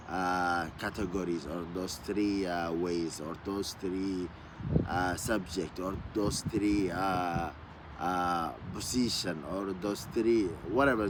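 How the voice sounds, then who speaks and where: Rambling man from Somalia, low voice. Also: slight background noise, poor audio. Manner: repetitive, lots of "you know what I mean". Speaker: vlogger. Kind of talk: casual rambling monologue.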